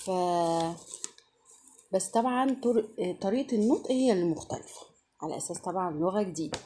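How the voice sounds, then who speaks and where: A woman with an Egyptian Arabic accent gives a pronunciation lesson in a mellow, warm voice. Her pitch rises and falls a lot as she explains. She drills each word slowly and patiently, saying it more than once. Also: expressive, a little hiss or hum. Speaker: French teacher. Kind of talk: online language lesson.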